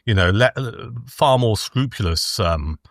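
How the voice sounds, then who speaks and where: A man's voice: fairly low pitch, expressive, measured pace, no echo, clean studio sound. A man co-hosting a podcast, chatting easily about food, sometimes while eating. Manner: easygoing, chats while eating. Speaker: podcast co-host. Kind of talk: casual food review chat.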